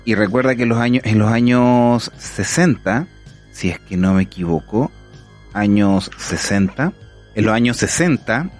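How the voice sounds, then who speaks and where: A man's voice: fairly low pitch, measured pace, faint music behind. A man with a Chilean accent hosting a casual podcast, an enthusiastic, rambling storyteller. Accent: Chilean Spanish. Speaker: podcast host.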